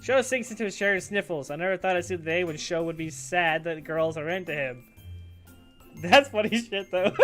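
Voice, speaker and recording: A young man streaming a visual novel, reading the narration aloud with animated joking asides. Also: on the high side, a little fast, few pauses, soft background music.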